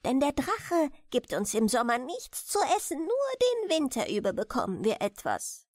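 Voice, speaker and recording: Lady doing a tiny old dwarf king from a german fairy tale, high voice, very up and down, solemn and pleading. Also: huge pitch swings, normal speed, darkish tone, no room sound, studio quality, exaggerated voice. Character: small grey dethroned dwarf king, aged, pleading, solemn.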